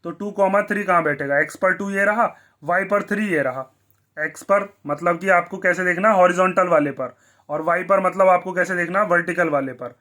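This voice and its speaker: Male maths teacher, high voice, bright tone, asks and answers his own questions. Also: normal speed. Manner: asks the class questions and answers them himself. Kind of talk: blackboard maths lesson.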